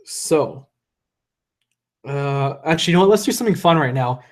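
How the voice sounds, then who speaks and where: A tipsy man hosting a casual livestream rambles loosely and profanely while reading the chat aloud into a desk USB condenser mic. His voice is fairly high, animated, and moderately paced.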